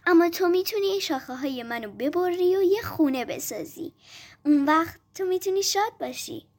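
A woman voicing a gentle, loving old tree in a storybook reading, speaking softly and tenderly. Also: very high-pitched, animated, voice pushed up. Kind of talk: storybook narration.

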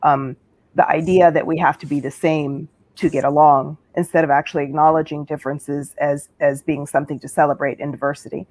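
A woman with a low voice speaks as a panelist, earnest and articulate. The sound is close and dry. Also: little pitch movement, brisk, darkish tone, no room sound. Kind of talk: panel remarks.

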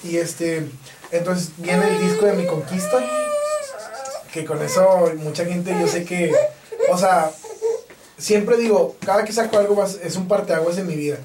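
In a casual interview chat, this high-voiced Mexican man talks at a moderate pace, loose and slangy, breaking into laughter frequently. His Mexican Spanish accent echoes around the room, and the distant microphone also catches background noise.

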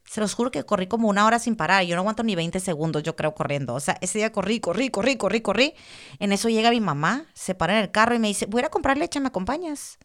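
A woman, a podcast guest telling a personal story in a casual, animated way and repeating words for emphasis. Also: mid-range voice, quick pace.

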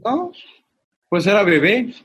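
Easygoing man, raspy voice, laughs easily in casual chat. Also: sits high, big pitch swings, takes it slowly, fairly bright tone.

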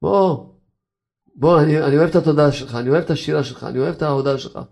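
A man's voice: on the high side, vocal fry, darkish tone. A man putting on the voice of God as a weary, exasperated heavenly father during a sermon, pleading and half laughing. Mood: coaxing.

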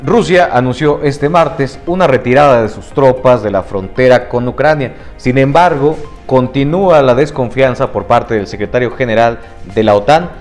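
Co-hosting a news podcast, this man reads out international headlines with playful, self-deprecating remarks woven in. His voice is mid-range, his pace moderate with hardly any pauses, and faint music plays in the background.

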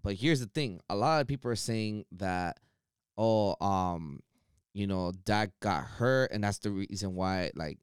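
A man in casual sports chat, blunt and animated, swearing freely as he gives his opinions. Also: on the low side, a little slow, smooth, no room sound, studio quality. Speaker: podcast co-host.

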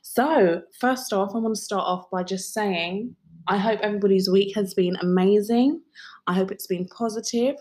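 A woman's voice: mid-range voice, normal speed, a little mellow. Giggly, hungover woman co-hosting. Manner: giggly, rambling and playful. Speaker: podcast co-host. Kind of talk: casual chat.

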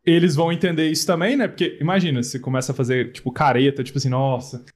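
A man's voice: fairly high pitch, flat delivery, quick pace, a little mellow. A man hosting a casual live chat, reading questions from the chat and reacting eagerly. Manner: eager, reacts with short exclamations. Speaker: host.

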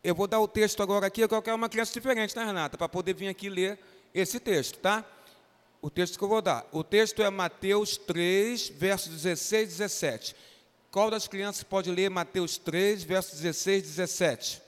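This Brazilian-accented pastor has a high-pitched voice and speaks at normal speed. In an echoing church hall, he leads children in an interactive Bible lesson, encouraging them by name to speak up.

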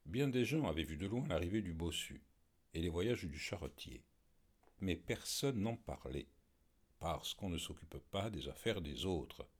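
Guy reading a novel for his podcast, deep and a bit husky, steady pace. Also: a little slow. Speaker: audiobook reader and podcast host. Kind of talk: scripted narration of a novel.

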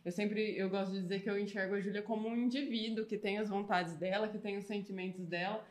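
A woman, the mother of a toddler, chatting in a lively way, often restarting her phrases and laughing. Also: mid-range voice, fast. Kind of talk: casual conversation. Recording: echoey room.

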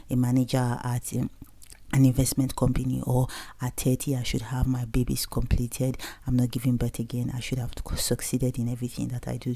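A woman's voice: extremely low pitch, dark tone, no echo. A woman in her thirties with a Nigerian accent, giving an earnest, conversational faith-based motivational talk as a podcast host, slipping between Pidgin and English.

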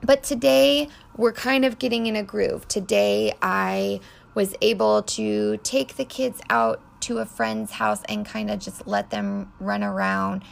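A woman's voice: mid-range voice, expressive, unhurried, gravelly. A woman hosting a podcast, talking through her week as a foster mother in a chatty, unscripted way with lots of ums. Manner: chatty, frequent ums, laughs at herself. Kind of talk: casual podcast monologue.

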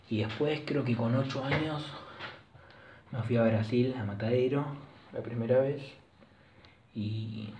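Rambling young Argentine man, flat low voice. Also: a little hiss or hum. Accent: Rioplatense Spanish. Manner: rambling, crude slang, self-correcting. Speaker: podcast host. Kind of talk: casual solo podcast monologue. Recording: echoey dull lo-fi room recording.

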